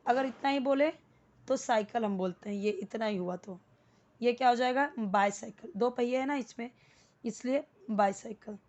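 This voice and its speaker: A woman teaching English to beginners, patiently repeating each word slowly and breaking it into parts. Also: a little high, a little mellow, highs cut off. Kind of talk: spoken English lesson for beginners.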